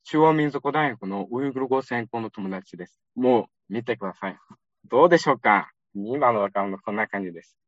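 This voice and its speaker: A man's voice: medium pitch, fairly bright tone, no room sound, muffled recording. A young man from Xinjiang, China, giving a chatty public lecture and often turning to his audience with asides. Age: young adult.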